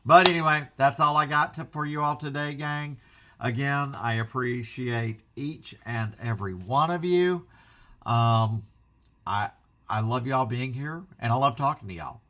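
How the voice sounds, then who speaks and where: A man hosting a casual vlog, talking in an excitable, rambling way and interrupting himself often. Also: mid-range voice, unhurried, noisy background. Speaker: physical media channel host.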